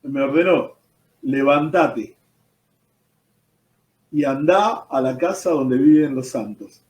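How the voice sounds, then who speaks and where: A man's voice: medium pitch, takes it slowly, darkish tone. A man with an Argentine accent, a pastor giving his personal testimony in an interview, telling it as a story and dropping "¿viste?" as he goes. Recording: roomy echo, distant from the mic.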